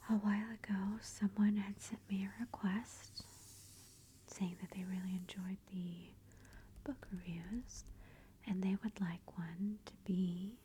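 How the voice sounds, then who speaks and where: A woman speaking softly in a hushed, breathy near-whisper, gently and unhurriedly giving an ASMR book review. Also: medium pitch, fairly even intonation, measured pace, slight background noise.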